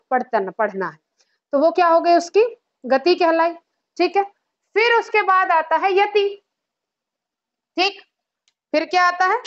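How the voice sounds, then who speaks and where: A woman with a very high, light voice teaches a Hindi exam-prep class. She works through each point by asking herself questions and checking in with her students again and again. The recording sounds slightly dull and lo-fi. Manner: explains with rhetorical questions and repeated check-ins; chants verse examples in a sing-song rhythm. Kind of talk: online exam-prep lecture.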